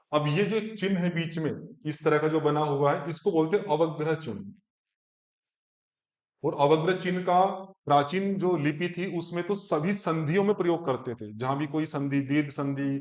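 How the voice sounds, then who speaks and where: A man teaching Sanskrit pronunciation, breaking verses into slow syllables and correcting a student as he goes. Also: a little high. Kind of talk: one-on-one pronunciation lesson. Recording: echoey room.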